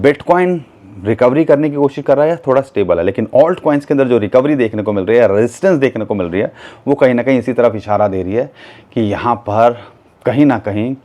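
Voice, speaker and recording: A man's voice: mid-range voice, darkish tone. An Indian-accented man analyzes market charts for his viewers. He speaks conversationally and addresses them directly. He often restarts a phrase before carrying on.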